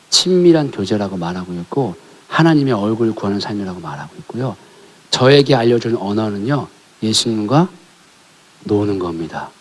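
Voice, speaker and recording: This sermon comes from a male pastor with a lowish voice, preaching in a church sanctuary. He tells a story about his family and questions the congregation, alternating between forceful calls and hushed, almost whispered lines.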